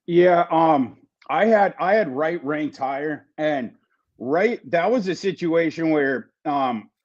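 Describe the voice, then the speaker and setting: A man giving fantasy football analysis in a casual podcast chat, talking quickly and restarting his sentences. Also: on the high side, animated, muffled recording. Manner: fast, repeats words and restarts often.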